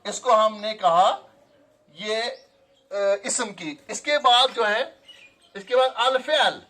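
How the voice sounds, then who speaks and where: A male teacher giving a classroom grammar lesson, slowly repeating phrases and quizzing his students. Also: high-pitched, sharp tone. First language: Kashmiri.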